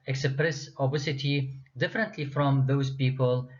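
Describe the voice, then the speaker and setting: A man's voice: medium pitch, steady tone, moderate pace. A man lecturing university students, reading his slides with frequent hesitations and restarts. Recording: dull lo-fi lecture recording.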